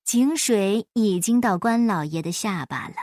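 A woman storyteller reading a folk tale aloud in an expressive storybook style. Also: mid-range voice, a little slow, no echo, clean studio sound.

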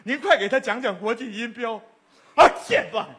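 A woman doing a pushy, loud father. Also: on the high side, normal speed, slightly rough. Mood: insistent. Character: pushy father of a sick boy.

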